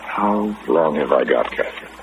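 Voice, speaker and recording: A male actor in an old radio drama narrator manner, playing a fearful, brooding man facing death, grave and deliberate, on a tinny, noisy recording. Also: a bass voice, animated. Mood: anxious, fearful.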